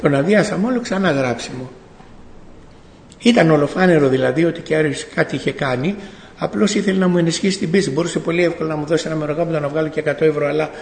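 Telling his testimony of faith before a congregation, a middle-aged man narrates like a storyteller, performing the dialogue and often correcting himself mid-stream. His voice is gravelly, slightly high and darkish in tone, echoing with long reverb in a church hall.

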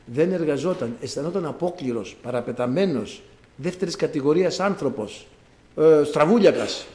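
A man's voice: fairly high pitch, expressive, mellow, roomy sound. A male preacher giving a sermon, telling stories dramatically and acting out the quotes. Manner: dramatic storytelling with acted-out quotes.

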